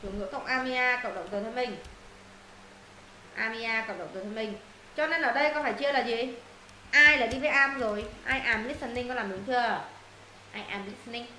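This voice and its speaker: A woman teaching an English lesson to her students, walking them through answers and firing quick questions to check they follow. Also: fairly high pitch, sharp tone. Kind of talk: classroom lesson explaining answers. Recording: roomy echo, faint noise.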